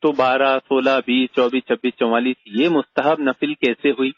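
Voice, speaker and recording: A man's voice: mid-range voice, fairly even intonation, no echo, highs cut off. A man teaching a religious point in a debate-style chat, arguing with pointed rhetorical questions. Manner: argumentative, rhetorical questions, emphatic.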